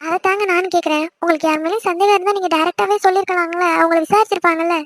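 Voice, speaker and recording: A woman voicing an anxious young wife who worries and questions her injured husband, in an amateur animated serial. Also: extremely high pitch, rapid-fire. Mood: questioning.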